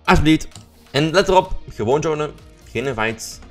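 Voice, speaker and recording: A man's voice: a little high, expressive, normal speed. A man streaming a video game live, talking loosely and casually to his viewers and teammates. He greets people by name and hums little tunes between moves. Faint music plays underneath. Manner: chatty, greets viewers, hums while playing. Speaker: livestream gamer host. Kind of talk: casual live gameplay chat.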